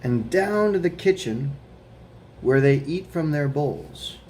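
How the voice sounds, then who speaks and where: Reading a children's picture book as a guest, a man with a slightly high, expressive voice goes slowly and gently, pausing to ask the young listeners questions. A little hiss or hum runs underneath.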